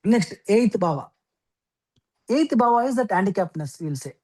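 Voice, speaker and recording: Woman teaching slowly. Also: mid-range voice, expressive, mellow, poor audio. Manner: explains slowly with many okays and fillers. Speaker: astrology teacher. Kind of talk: lecture.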